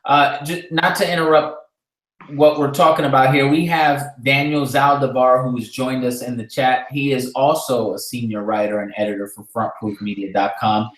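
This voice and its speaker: Man, co-host of a boxing talk show, measured analysis, echoey room, mid pitch. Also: little pitch movement, fairly bright tone. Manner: analytical, measured, with frequent fillers. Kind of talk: casual live-stream discussion.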